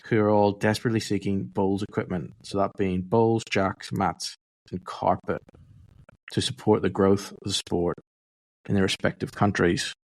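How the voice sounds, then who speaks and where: A man co-hosting a casual sports podcast, relaxed and teasing his co-host. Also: fairly low pitch, moderate pace, no room sound, clean studio sound.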